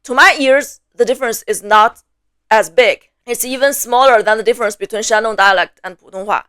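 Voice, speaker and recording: A woman's voice: a little high, brisk, a bit bright, dry recording. A woman with a Mandarin Chinese accent, a native speaker, patiently explaining Mandarin in a methodical lesson and demonstrating tones one by one. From mainland China. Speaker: Mandarin teacher.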